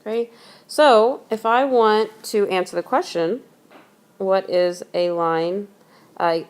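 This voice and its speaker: A woman math tutor talking through a recorded lesson, patient and methodical, repeating the key points slowly so they can be written down. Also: lowish voice.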